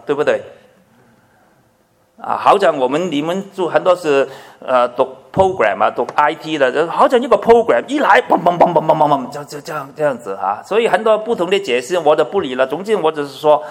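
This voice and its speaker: Male preacher, higher-pitched, animated sermon delivery, shifts from loud to quiet, mixes in English words. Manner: animated, swings between loud emphasis and hushed asides; asks the audience frequent rhetorical questions. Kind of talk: sermon to a congregation.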